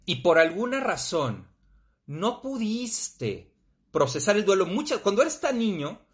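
A man's voice: high-pitched, unhurried. A man with a Mexican accent, talking bluntly and casually about grief, with frequent swearing. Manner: blunt, profane, animated. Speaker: podcast host.

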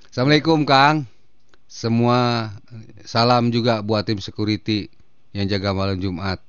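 A man's voice: medium pitch, steady tone, a little slow, a bit bright, clear, resonant tone, dry recording, muffled recording. A man hosting a casual morning radio show, reading listener messages and teasing his co-host. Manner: reads listener messages aloud, playful teasing.

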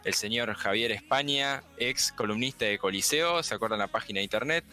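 Argentine podcast host, low bright voice, kinda rambling and playful, faint music behind. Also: male voice, fairly quick. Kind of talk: casual podcast chat.

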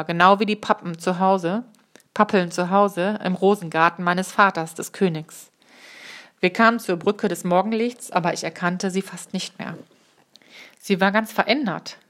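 Calm woman narrator reading a children's story aloud, a lower voice, measured pace, fixes her slips. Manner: calm and measured, with small slips she corrects. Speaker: audiobook reader.

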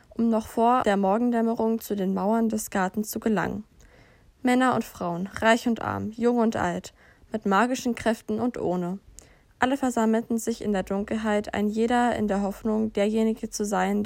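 A woman podcast co-host reads a fairy tale aloud in a calm narrating manner. Her fairly high voice has a gravelly edge, and the recording is close and dry. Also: dry recording. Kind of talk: audiobook-style fairy tale reading.

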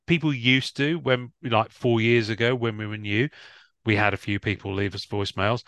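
A man's voice: lowish voice, steady tone, normal speed, fairly bright tone, clear, resonant tone, no room sound. A middle-aged man hosting a podcast in a casual, wry way, often repeating himself. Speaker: podcast host. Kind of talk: casual podcast chat and sign-off.

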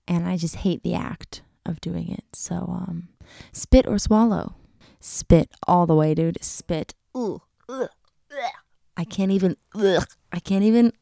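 A young woman in casual vlog chat, her lowish voice full of vocal fry and giggles. Her tone is mellow and warm, and she drops "like" into nearly every sentence. The sound is dry and close, with no room around it. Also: no room sound. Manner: chatty, giggly, full of filler "like". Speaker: YouTuber.

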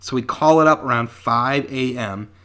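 A man's voice: mid-range voice, normal speed, bright, forceful tone. Chill guy in his 20s reading some story on a podcast, laughs a bunch, swears a lot. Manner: laid-back, laughs often, swears casually.

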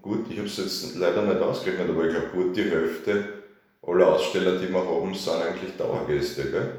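A man's voice: low voice, fairly even intonation, brisk, darkish tone. A man, a festival organizer chatting in an interview, often seeking agreement with little tag questions. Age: 30s. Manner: chatty, filler-heavy, asks for agreement. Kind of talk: casual radio interview. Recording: very echoey room.

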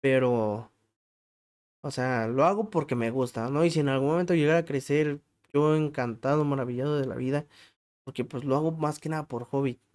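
A man's voice: mid-range voice, a little fast, darkish tone. A man with a Mexican accent hosting a podcast, telling funny, crude stories about himself in casual slang and laughing at his own jokes. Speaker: podcast host. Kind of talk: casual comic storytelling monologue.

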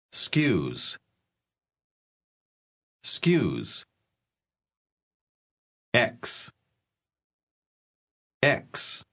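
Slow, deliberate American man drilling words. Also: lowish voice, fairly bright tone, husky. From United States. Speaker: English pronunciation model speaker.

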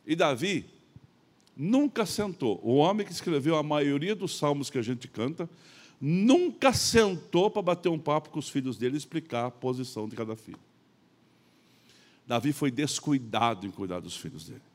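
A middle-aged man preaching a sermon in church, telling a story with lots of acted-out dialogue, swinging between loud and soft. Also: a little high, very animated, normal speed. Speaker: pastor.

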